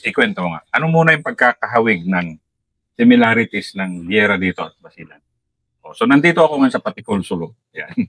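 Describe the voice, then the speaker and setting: A man's voice: fairly low pitch, big pitch swings, a little fast, fairly bright tone, no echo. A man from Mindanao, a former army colonel, asking easygoing, prompting questions in a casual interview. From Mindanao, Philippines.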